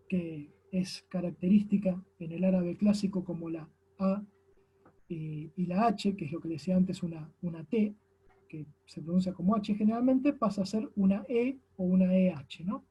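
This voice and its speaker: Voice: medium pitch, normal speed, breathy edge, muffled recording. A teacher with an Argentine accent giving a recorded class lecture, explaining step by step and often tagging sentences with a questioning "no?". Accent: Argentine Spanish. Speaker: language teacher.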